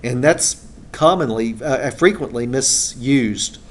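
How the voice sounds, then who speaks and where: A man's voice: medium pitch, takes it slowly. A male instructor giving a classroom lecture in a conversational way, with frequent filler sounds, recorded in a classroom.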